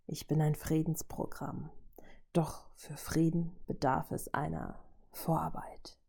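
A woman voicing a cold, menacing male robot villain in a low, hushed murmur. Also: little pitch movement, takes it slowly, creaky, husky, whispered, full character voice.

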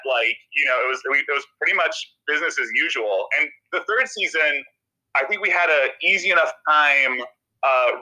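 The guest is a man in his thirties who writes TV comedy, chatting casually in a podcast interview. His voice is nasal, very bright and slightly high, and he stumbles haltingly through fillers and restarts. The audio is poor, with a radio-like sound.

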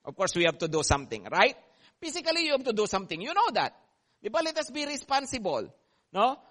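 A male pastor preaching a sermon, animated and playful, laughing between points and checking in with the congregation. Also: extremely high pitch, fairly quick. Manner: animated, mixes Tagalog and English, asks the congregation "di ba?".

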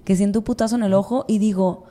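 A woman's voice: medium pitch, steady tone, fast talker, mellow. A young woman with a Mexican accent, telling a story in a casual, slangy podcast chat, with lots of repetition. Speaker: podcast co-host.

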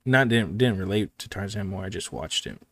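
A man's voice: low voice, animated, brisk, fairly bright tone. A young man co-hosting a movie podcast in casual chat, rambling and joking. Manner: rambling, joking, laid-back. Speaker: podcast co-host.

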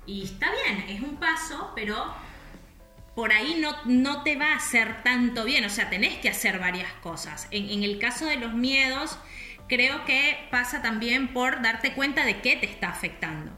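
A woman with a Rioplatense Spanish accent chats casually and reflectively, thinking aloud with lots of fillers like "o sea" and "no sé." Her voice is a little high, expressive and sharp-toned, at a normal speed. The room is echoey, with faint music in the background.

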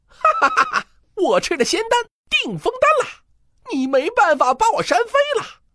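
A woman's voice: very high-pitched, sing-song, normal speed, fairly bright tone, dry recording, clean studio sound, heavily acted. A woman voicing a cocky, mischievous male monkey king in a children's storybook, boastful and teasing.

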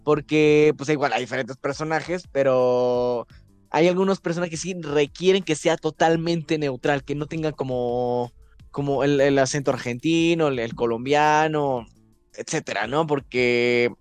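A man's voice: a little high, steady tone, measured pace, clean tone, no room sound, soft background music. A man with a Mexican accent, an actor, explaining things in casual podcast talk with frequent hesitant fillers. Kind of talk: casual chat.

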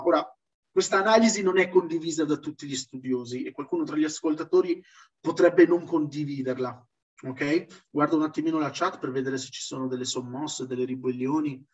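A man's voice: a little high, a little fast. A man giving an informal online lecture in an explanatory, emphatic way, like a teacher who keeps checking that listeners follow. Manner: didactic, emphatic, often checking with "ok?". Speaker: lecturer in a religious history seminar. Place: live online seminar with chat. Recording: dull distant lo-fi microphone.

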